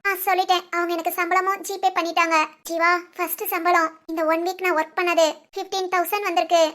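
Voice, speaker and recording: Woman voicing a very high, bright-toned cartoon young wife, excitable and whiny. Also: fast. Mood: calm. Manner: excitable, whiny complaints, giggly. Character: chatty young wife in a cartoon family comedy. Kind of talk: cartoon voice acting.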